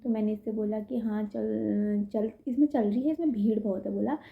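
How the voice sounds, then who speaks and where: A woman's voice: medium pitch, fairly even intonation, moderate pace, creaky, narrow, tinny audio. A young woman from India telling a story in a casual vlog, chatty and tired, calling her viewers brother and guys. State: tired, head aching. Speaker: vlogger. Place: indoors at home.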